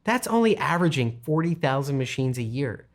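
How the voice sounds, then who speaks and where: A man with a medium-pitched voice presents as an investment co-host. He delivers scripted promotional material emphatically, leaning on the numbers like a salesman. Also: very animated, brisk. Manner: emphatic, salesy, stressing figures.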